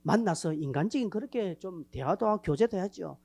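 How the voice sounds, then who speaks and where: A woman preaching a sermon, animated, acting out everyday conversations and sometimes dropping to a hushed near-whisper. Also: on the low side, a little fast, vocal fry, breathy edge, dry recording. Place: church sanctuary.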